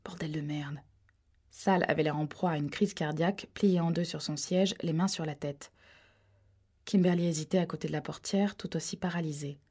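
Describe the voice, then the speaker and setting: Hushed breathy woman narrating. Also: sits low, fairly even intonation, a little fast. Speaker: audiobook narrator. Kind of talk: audiobook narration.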